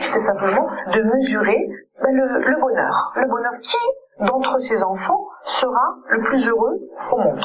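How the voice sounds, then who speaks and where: A woman's voice: medium pitch, poor audio. A woman child psychologist giving an earnest conference lecture and often checking in with her audience.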